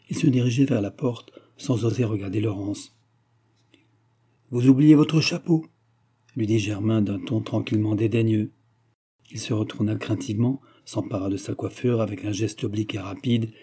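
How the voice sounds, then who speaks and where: Low-voiced, husky male narrator. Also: warm tone. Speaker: audiobook reader. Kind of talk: scripted narration.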